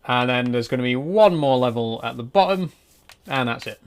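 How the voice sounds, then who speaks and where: This twenty-something streamer talks at a moderate pace in a mid-range voice while building in a game, rambling casually and answering his chat. A slight background noise is audible throughout the live-stream chatter.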